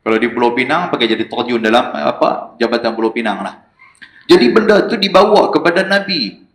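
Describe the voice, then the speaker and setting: In a small prayer hall, a religious lecturer with a northern Malaysian Malay accent gives an evening talk full of animated storytelling, recorded with heavy echo. His voice is expressive and a bit bright, fairly quick, alternating low asides with raised exclamations.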